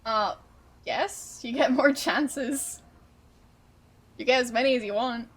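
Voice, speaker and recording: A woman with a fairly high, slow, slightly breathy voice streams and chats casually with her viewers. She sounds relaxed and amused while responding to their guesses.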